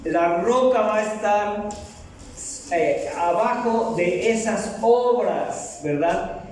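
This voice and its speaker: A man's voice: sits high, slow, darkish tone, distant mic, a little hiss or hum. A middle-aged man preaching a sermon in a church, joking and asking the congregation questions. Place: church hall. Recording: echoey hall, mic from afar.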